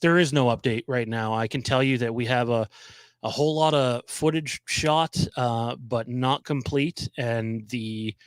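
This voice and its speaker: A man hosting a live stream in casual chat, his voice nasal and hoarse from a cold, talking haltingly with many ums and restarts. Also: medium pitch, no echo. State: losing his voice. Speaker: livestream host.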